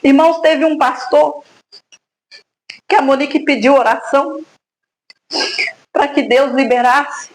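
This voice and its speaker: A woman's voice: high voice, steady tone, unhurried, pauses often, poor audio. A woman from Brazil, a mother giving an emotional faith testimony, talking fervently and praying aloud, moved close to tears. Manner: fervent, addresses listeners as brothers, prays aloud.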